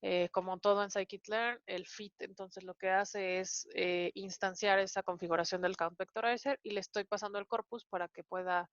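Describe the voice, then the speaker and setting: A woman's voice: mid-range voice, fairly even intonation, moderate pace, few pauses, clean tone, dry recording, lo-fi sound. A woman teaching a programming lesson, explaining step by step with frequent hesitant fillers. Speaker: programming instructor. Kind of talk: online coding lesson walkthrough.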